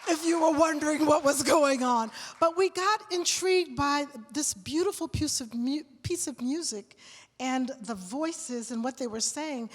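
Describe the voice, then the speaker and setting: Woman presenting onstage in a reverberant hall. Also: sits high. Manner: effusive, addresses the audience directly. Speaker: director and choreographer presenting a work. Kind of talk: onstage talk to a live audience. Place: theater stage.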